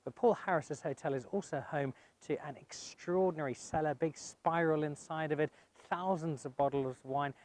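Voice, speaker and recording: A man's voice: on the high side, moderate pace, hardly any pauses, darkish tone, a little hiss or hum. Jokey male wine show host. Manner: jokey, chatty presenter. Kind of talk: presenting and interviewing.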